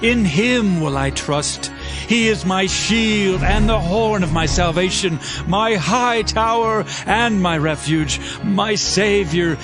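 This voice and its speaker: Scripture drama: devout ancient king, high male voice, earnest and measured, clear music underneath. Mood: devout, grateful. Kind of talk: dramatized scripture audio acting.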